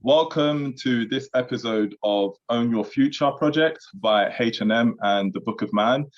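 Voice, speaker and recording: A man mentoring young men in a relaxed chat, reflective and conversational, with lots of "you know" asides. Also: fairly low pitch. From United Kingdom. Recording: dull lo-fi sound.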